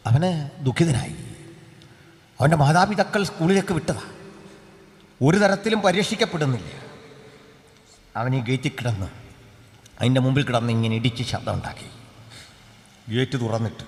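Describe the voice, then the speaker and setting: A man preaching a sermon, telling a story in an animated way, with emphatic rises. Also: medium pitch. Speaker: pastor. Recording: long hall reverb.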